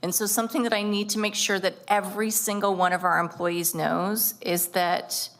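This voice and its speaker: A woman's voice: mid-range voice, flat delivery, fairly bright tone. Choked-up earnest woman at a meeting. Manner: earnest, emotional, drawn-out emphasis. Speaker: school board member. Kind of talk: public meeting remarks.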